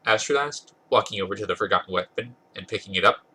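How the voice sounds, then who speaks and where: Fast and sharp in tone, this fairly low, husky, congested male voice belongs to a podcast host reading fan fiction aloud. He treats the comic story to an amused, dramatic reading, now and then stumbling and fixing his words.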